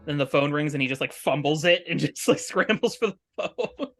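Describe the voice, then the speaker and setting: A woman playing a tabletop role-playing game, narrating casually and haltingly as she thinks aloud. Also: low-pitched, animated. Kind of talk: casual improvised storytelling.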